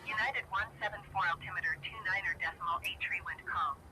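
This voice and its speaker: A man speaking as an air traffic controller heard over a cockpit radio headset, giving rapid clipped clearances. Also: high voice, fairly even intonation. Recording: noisy distant radio audio.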